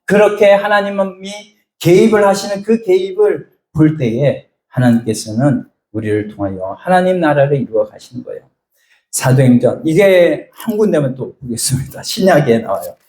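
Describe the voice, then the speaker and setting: A middle-aged pastor preaches a sermon in an echoey room, telling stories, acting out voices, and putting questions to the congregation. His voice is on the high side, expressive and a little mellow, at normal speed.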